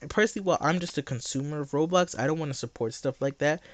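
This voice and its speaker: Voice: medium pitch, fast, no echo. A teenage live streamer chatting and debating bluntly and casually while chewing gum. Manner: blunt, argumentative.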